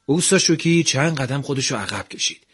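Male narrator, husky voice, measured radio storytelling, mid pitch. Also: expressive, a bit bright.

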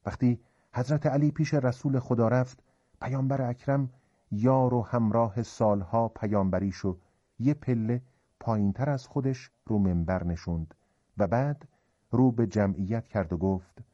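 A man narrating a religious story in a calm, colloquial storytelling manner, in a dull, reverberant recording. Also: mid-range voice.

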